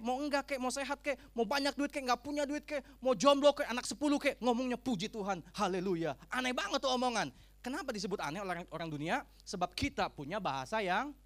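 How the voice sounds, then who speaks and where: A man preaching, his voice sitting high and swinging widely in pitch. He jokes with the congregation and slips into character to act out what people say. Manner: humorous, animated, acts out quoted speech. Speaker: pastor. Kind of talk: sermon.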